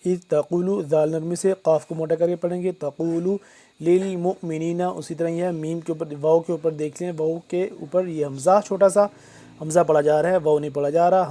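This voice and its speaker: A man teaching Quran recitation word by word, switching between slow, drawn-out recitation and quick explanations. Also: fairly high pitch, dark tone.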